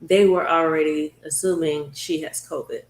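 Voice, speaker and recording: A woman's voice: deep voice, steady tone, echoey room, slight background noise. A woman talk show host telling the story of her own illness in an earnest, conversational way. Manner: earnest, storytelling, slows down at hard moments.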